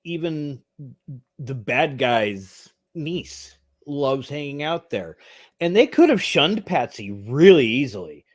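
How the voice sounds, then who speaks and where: A man's voice: on the high side, sing-song, takes it slowly. An American man co-hosting a movie review in casual, enthusiastic chat. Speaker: movie review podcast co-host.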